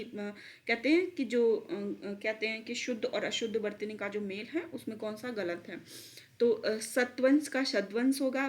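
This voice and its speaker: A woman teacher giving an online spelling lesson for exam students, repeating words slowly and mixing in English terms. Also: on the high side. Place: at a laptop.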